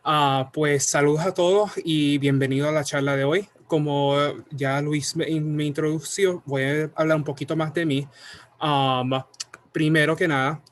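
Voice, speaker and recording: A man's voice: fairly high pitch, fairly even intonation, unhurried. A young adult man from Puerto Rico with a Puerto Rican Spanish accent, giving an online science talk over a video call with many fillers. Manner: explanatory, with frequent fillers. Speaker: guest scientist. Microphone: computer mic on a video call.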